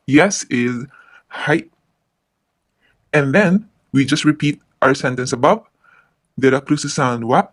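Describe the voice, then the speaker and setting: A man's voice: on the high side, no room sound. A man teaching a Japanese grammar lesson from the Philippines, explaining patiently with repeated examples.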